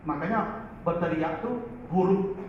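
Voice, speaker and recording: Lively high-voiced man lecturing in a hall. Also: a little slow. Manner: lively, addresses listeners as "Pak" often. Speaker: religious teacher. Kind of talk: Quran study lecture. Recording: echoey far-off hall, dull lo-fi, faint noise.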